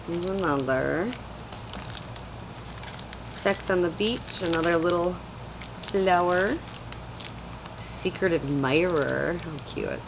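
A woman's voice: lowish voice, noisy background. A young woman chatting casually in a home vlog, rambling with lots of fillers, recorded on a desk webcam. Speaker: vlogger. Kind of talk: casual product haul chat. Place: small room at home, indoors.

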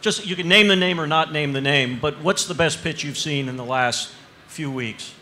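A man's voice: fairly high pitch, moderate pace, bright, forceful tone, slight background noise. A man moderating a panel discussion on stage, probing his guests and pushing them for specifics. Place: stage in a large tent with an audience. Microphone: handheld mic.

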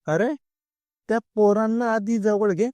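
Man doing a scolding aunt, shrill, high, jumpy, storytelling. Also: steady tone, unhurried, darkish tone, no room sound. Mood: anxious. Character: shrill scolding middle-aged aunt, easily frightened.

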